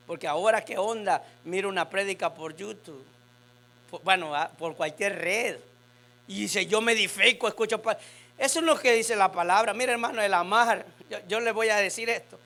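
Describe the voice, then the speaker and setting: Guy preaching in church, bright ringing voice, talks right at the crowd. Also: high voice. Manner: animated preaching, talks straight to the congregation. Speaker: pastor. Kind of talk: sermon. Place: church sanctuary.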